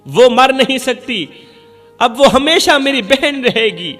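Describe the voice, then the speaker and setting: A remorseful brother trembles and pleads in grief, as a male storyteller voices him. The voice sits high and echoes through a long hall. Soft music plays beneath. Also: animated, exaggerated voice.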